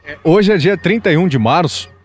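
Holding a masked handheld microphone on a dirt road, a young local radio and web TV reporter with a Brazilian Portuguese accent delivers a field news report. His voice sits high and is expressive, and his brisk delivery includes filler restarts.

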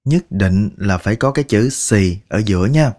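Male language teacher, low-pitched, unhurried pronunciation drills, patient and coaxing. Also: lively intonation. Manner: repeats each word slowly, drawing out sounds; patient, coaxing, ends phrases with soft particles. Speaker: English teacher. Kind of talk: slow pronunciation lesson.

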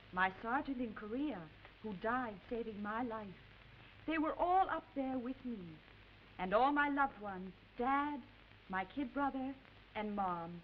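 An actress playing a woman reporter who tells a sentimental story in a smooth storytelling manner, in a 1950s television drama. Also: sits high. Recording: dull lo-fi 1950s TV audio with faint hiss.

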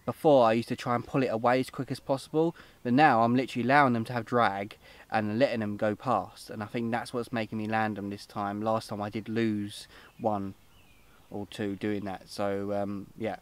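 A man's voice: lowish voice, little pitch movement, moderate pace, no room sound. A young British man vlogging outdoors at a lake, talking in an upbeat, rambling way with lots of fillers, filmed on a camera close by. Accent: British English. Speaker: fishing vlogger. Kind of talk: casual outdoor vlog. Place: lakeside, outdoors and under a fishing shelter.

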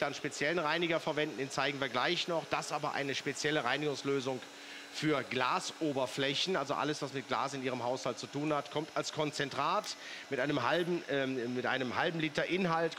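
A man's voice: mid-range voice, background noise. A man presenting an infomercial product demonstration in a chatty, persuasive way, putting questions to the viewers.

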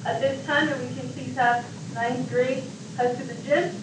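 A woman making a polite, formal announcement over a school intercom, repeating the key points in a measured way. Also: sits high, steady tone. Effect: school intercom loudspeaker. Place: classroom, heard through a wall speaker. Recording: echoey intercom from far off, noisy.

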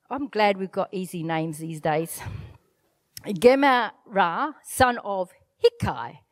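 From the stage of a church, a middle-aged pastor whose first language is Italian preaches with energy into a handheld microphone, poking fun at herself now and then. Her voice is mid-range, with no room sound.

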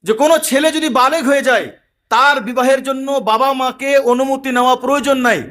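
Man, pitched high, preaching emphatically with stories. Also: fairly bright tone. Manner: emphatic, conversational sermon with anecdotes. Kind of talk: sermon.

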